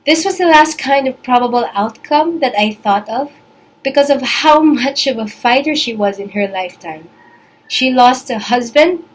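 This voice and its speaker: A young adult woman delivering a prepared eulogy in a tender, earnest, measured way, speaking as a daughter. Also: fairly high pitch, low-quality recording.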